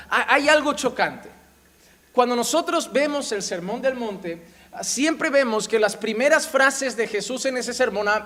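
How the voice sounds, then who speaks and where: High-voiced man preaching a sermon. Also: fairly bright tone. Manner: emphatic preaching with rhetorical questions and repeated phrases. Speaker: pastor.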